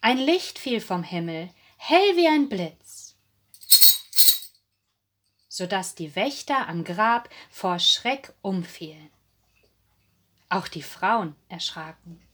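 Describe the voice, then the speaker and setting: A woman narrating a Bible story for listeners in a slow, dramatic, expressive reading style. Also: lowish voice.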